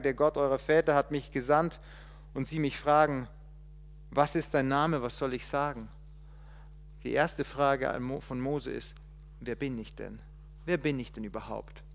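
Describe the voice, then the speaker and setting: A man preaching a sermon, shifting between loud emphatic quotations and quiet, reflective passages, with hesitations as he looks up verses. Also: on the high side, big-room sound, slight background noise. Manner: restarts and hesitates while looking up verses.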